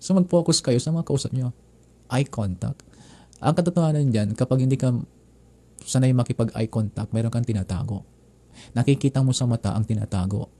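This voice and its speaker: A man giving a relaxed talk with practical tips on preaching, speaking in a conversational way that repeats words and phrases. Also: mid-range voice, fairly quick. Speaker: preaching instructor.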